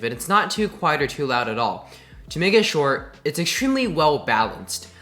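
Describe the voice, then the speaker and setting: Upbeat man reviewing tech, lively voice. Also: on the high side. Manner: upbeat, enthusiastic. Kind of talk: scripted product review. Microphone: desk USB condenser mic. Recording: roomy echo, faint music.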